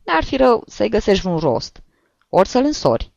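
A man's voice: high-pitched, very animated, creaky, no echo, highs cut off, voice pushed up, heavily acted. A man doing an old chiding village priest. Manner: gently scolding, sighing, folksy.

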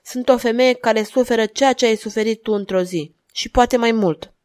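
A woman's voice: on the high side, darkish tone, voice pushed up, natural voice. Woman voicing a relentless cold duchess. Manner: insistent, measured, unsparing.

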